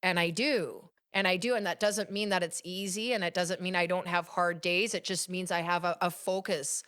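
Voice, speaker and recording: Expressive woman coach talking warmly. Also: fairly low pitch, moderate pace. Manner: emotional, expressive, laughs often. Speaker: guest, coach and children's book author. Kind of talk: casual conversational interview.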